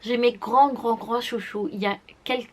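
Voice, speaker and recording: A woman's voice: on the high side, steady tone, normal speed. A woman presenting a makeup palette to the camera in casual, gushing talk, full of restarts and fillers. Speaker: beauty vlogger. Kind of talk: casual makeup product review.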